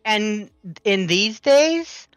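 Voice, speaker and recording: Woman, mid-pitch, hesitant casual talker, dry close mic with faint music. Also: lively intonation, extremely slow, smooth, dry recording. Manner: conversational, hesitant, many fillers. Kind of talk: casual chat.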